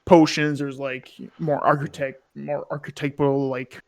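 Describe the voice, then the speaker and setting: A man narrating a tabletop game as game master, casually and haltingly, searching for words. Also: medium pitch, little pitch movement, a little mellow.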